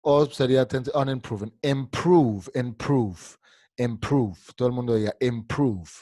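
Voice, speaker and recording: A man's voice: medium pitch, mellow, no echo. Patient man drilling English sounds. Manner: drills words slowly with exaggerated sounds; patient, encouraging, repeats words often. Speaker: English pronunciation teacher. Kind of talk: online pronunciation class. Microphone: video call.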